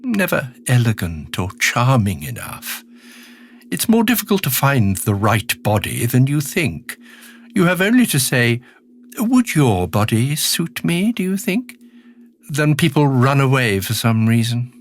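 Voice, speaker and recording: The Master, husky, theatrical skeletal villain. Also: male voice, mid-range voice, sing-song. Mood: sardonic. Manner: theatrical, confiding, sardonic, drawn-out menacing phrases. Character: decaying skeletal alien villain, charming, sinister, bitterly self-pitying. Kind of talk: dramatic monologue, audio drama narration to the listener.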